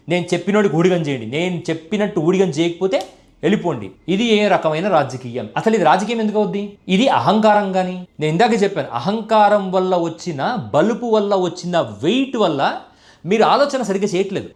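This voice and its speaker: Combative man in a sarcastic political rant. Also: fairly high pitch. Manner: combative, sarcastic, rhetorical questions. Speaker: political commentator. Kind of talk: political monologue.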